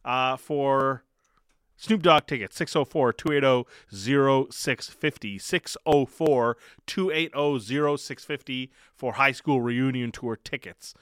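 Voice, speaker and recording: A man hosting sports radio, reading a ticket giveaway contest promo in an animated, punchy announcing manner. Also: a little high, measured pace, smooth, no echo, clean studio sound.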